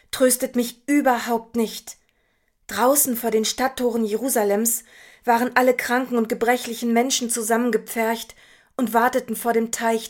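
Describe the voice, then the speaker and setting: A woman in her fifties narrating a devotional story in an earnest, reflective, conversational way. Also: a little high. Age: 50s.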